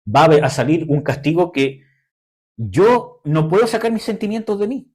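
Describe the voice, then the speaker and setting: A young man preaching a sermon in a conversational way, often pausing with fillers. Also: fairly high pitch, a little mellow. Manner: conversational preaching, frequent "¿cómo se llama?" fillers.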